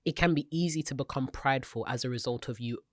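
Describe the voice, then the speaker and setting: A woman co-hosting a podcast, who talks in an affirming, reflective and measured way. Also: rumbling low, dry recording. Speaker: podcast co-host. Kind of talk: casual podcast chat.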